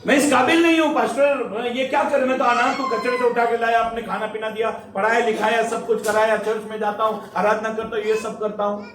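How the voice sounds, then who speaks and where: A man's voice: very high voice, level tone, brisk, few pauses, crowd noise, pitched above the performer's own voice. A man acting out a humble, grateful young orphan man who pleads in a tearful, self-effacing way. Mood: pleading. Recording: very echoey, distant mic.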